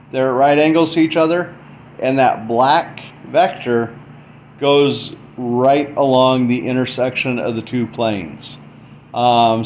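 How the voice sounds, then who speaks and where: The speaker is a man presenting math in a relaxed explainer, talking through his demonstration in choppy, stop-start phrases as he thinks. His voice has a medium pitch and a darkish tone. Recording quality is a dull lo-fi mic with faint background noise.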